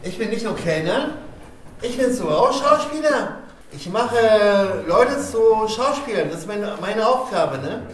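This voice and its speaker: A man's voice: high voice, animated, unhurried, far from the mic. A man playing an eager waiter who proudly sees himself as an actor too. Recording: echoey room, off-mic, faint noise.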